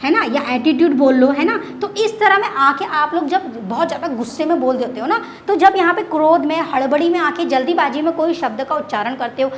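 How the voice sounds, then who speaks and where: High-voiced woman teaching an online class. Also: expressive, brisk, hardly any pauses, a little hiss or hum. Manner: explains in simple terms, repeats key words, asks and answers her own questions. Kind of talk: online exam-prep lecture.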